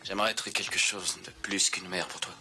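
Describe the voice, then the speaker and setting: An actor playing a male drag performer who impersonates women, soft-spoken and confiding in dubbed film dialogue. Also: sits low, level tone, fairly quick, noisy background, close to an everyday voice. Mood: intimate, assured. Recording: film soundtrack with clear music behind.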